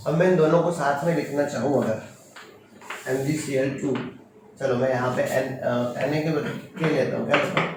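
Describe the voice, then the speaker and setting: A man's voice: mid-range voice, moderate pace. A man teaching chemistry to a class in a firm, strict manner, often checking with short questions. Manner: firm, stern, quizzes students with short questions. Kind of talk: classroom lecture. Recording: echoey classroom from far off, noisy.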